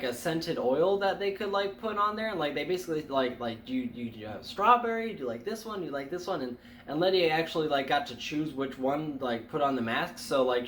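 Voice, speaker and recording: A young man, stuffy and nasal from allergies, chatting casually in a rambling way with lots of fillers and restarts. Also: mid-range voice. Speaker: vlogger. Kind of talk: casual chat. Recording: echoey room, faint ambient noise.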